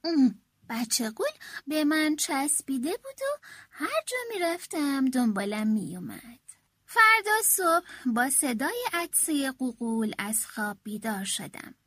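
A woman reading a children's story aloud in the first person, with an expressive, animated delivery. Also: high-pitched, dry recording.

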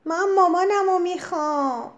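A woman's voice: very high-pitched, highs cut off, pitched above the performer's own voice. A woman voicing a small princess who cries for her mother in a children's story. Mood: wailing. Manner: wailing, demanding. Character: whiny little girl princess.

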